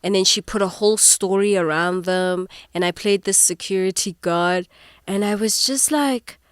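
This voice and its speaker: A young adult woman speaks as a guest in a casual interview, telling stories with animated energy and frequent laughter. Her voice is smooth and resonant, recorded dry and close. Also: mid-range voice, moderate pace, dry recording. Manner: animated storyteller, laughs often. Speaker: guest actor.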